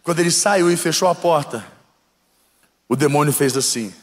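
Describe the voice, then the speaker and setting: A male bishop with a Brazilian accent preaching and telling a story with lively drama, often questioning the congregation. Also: on the high side, normal speed, in a large hall. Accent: Brazilian Portuguese. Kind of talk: sermon storytelling. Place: church.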